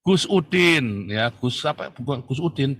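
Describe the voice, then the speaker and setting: A man's voice: medium pitch, animated, unhurried, fairly bright tone. A man hosting a religious livestream talk show, mocking his opponents and urging his audience to fight back through legal means, often repeating phrases for emphasis. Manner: mocking and defiant, laughs at opponents. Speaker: livestream host.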